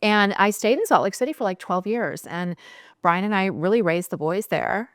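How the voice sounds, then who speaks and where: A woman in her forties from California, a guest talking about her career in a relaxed, chatty way, laughing now and then and using lots of fillers. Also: medium pitch, moderate pace, no room sound, clean studio sound. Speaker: guest, skincare founder. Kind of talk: casual interview chat.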